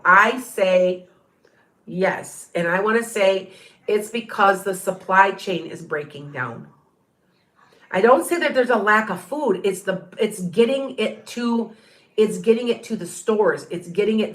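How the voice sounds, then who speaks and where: In an echoey room, a middle-aged woman with a mid-range, slightly bright voice and a Northern Illinois Chicago-area accent chats casually on a livestream. She's a tarot reader from around Beloit, Wisconsin, in the Midwest US, answering viewer questions while rambling, restarting, and laughing a lot.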